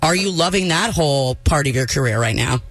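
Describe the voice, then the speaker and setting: A woman's voice: low-pitched, animated, fairly quick. A woman hosts a call-in radio show. Her voice sounds bubbly and eager as she moves between callers and banter with her guest. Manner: bubbly, enthusiastic. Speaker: radio host.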